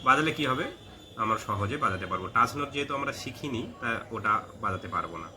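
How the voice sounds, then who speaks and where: A man teaching a flute lesson, slowly chanting note names and singing the lyric lines between short spoken explanations. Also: fairly low pitch, lively intonation. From India. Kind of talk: step-by-step music lesson. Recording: music clearly heard behind.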